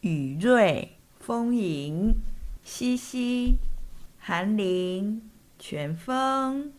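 A woman telling a children's story and speaking gently to young listeners as their teacher. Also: medium pitch, lively intonation, drawn-out words. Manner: gentle, coaxing, speaks to kids.

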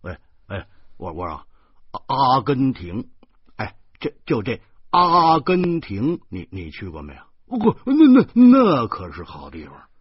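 A man's voice: mid-range voice, huge pitch swings, measured pace, slightly rough, no room sound, exaggerated voice. A man voicing a boastful man in his thirties who stutters constantly, with a Beijing accent. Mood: boastful stammer. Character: stammering pompous man in his thirties, show-off. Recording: dull lo-fi recording.

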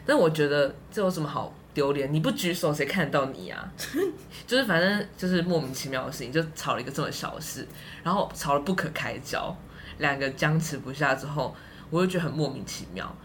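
There's slight background noise as a woman with a low voice and a Taiwanese Mandarin accent, talking a little fast, recounts a story on a podcast. It's an easygoing chat with plenty of laughter, and she's an animated teller who laughs frequently.

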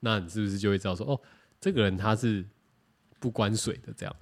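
A man's voice: fairly low pitch, fast talker. Rambling man. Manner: rambling, animated, self-correcting. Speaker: podcast co-host. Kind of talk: casual chat.

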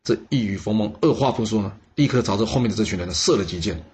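Fast, husky male storyteller. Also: fairly low pitch. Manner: lively, fast, folksy with many fillers. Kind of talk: storytelling narration.

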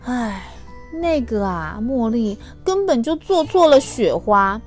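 Woman storyteller as a mocking schoolboy bully in a children's storybook, taunting, high for a boy, faint music. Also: animated, slow. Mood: scoffing. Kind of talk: storybook reading to small children.

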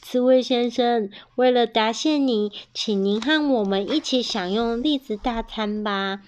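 A woman voicing a polite, gentle little mouse in a storybook reading. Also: fairly high pitch, unhurried, highs cut off, a little hiss or hum, close to an everyday voice.

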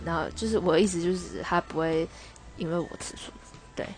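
A woman's voice: fairly low pitch, brisk, soft background music. A young woman hosts a podcast, telling a personal story in a rambling, hesitant way that keeps correcting itself. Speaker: podcast host.

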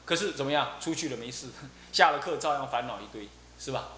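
Abbot telling lively stories. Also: male voice, medium pitch, fairly quick. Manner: lively storytelling, frequent repeated fillers. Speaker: abbot giving a dharma talk. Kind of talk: Buddhist dharma talk with personal anecdotes. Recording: roomy echo with faint hum.

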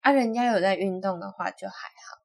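A woman's voice: medium pitch, fairly quick, a little mellow, no room sound, studio quality. A young woman from Taiwan with a Taiwanese Mandarin accent, co-hosting a casual podcast chat in an easygoing, agreeable way. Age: 20s. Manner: easygoing, agreeable, short interjections. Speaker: podcast co-host.

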